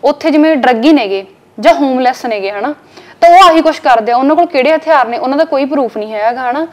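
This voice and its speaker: A woman's voice: sits high, a little mellow. A young woman from Punjab in India, speaking frankly as a guest in a casual interview and filling her talk with small tag words. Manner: quick, frank and plain-spoken, with many filler tags.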